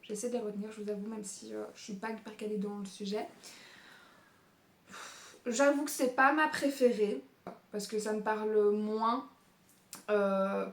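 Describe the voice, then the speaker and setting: A young woman talking casually about new books she plans to read, with lots of fillers and frequent laughter. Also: mid-range voice. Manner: chatty, many fillers, laughs often. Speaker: book youtuber. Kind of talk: casual book talk. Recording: echoey room.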